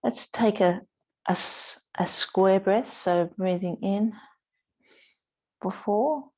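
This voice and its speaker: Leading a guided relaxation session, a woman yoga teacher speaks soothingly and without hurry, giving short cues with gentle pauses in between. Her voice is mid-range, and the audio sounds dull.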